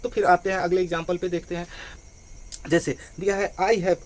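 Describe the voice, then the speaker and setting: Male grammar teacher with a high voice who works through examples patiently, crickets faint in the background. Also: little pitch movement, normal speed. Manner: explains step by step, repeating phrases and adding "ठीक है". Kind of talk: online grammar lesson.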